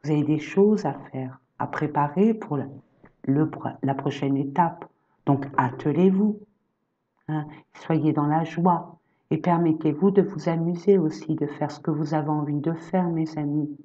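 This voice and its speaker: Slow, low-voiced woman soothing her viewers. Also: warm tone, highs cut off. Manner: soothing, reassuring, affectionate, addresses viewers as friends. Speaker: energy therapist and medium giving horoscope readings. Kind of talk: casual spiritual horoscope reading to camera.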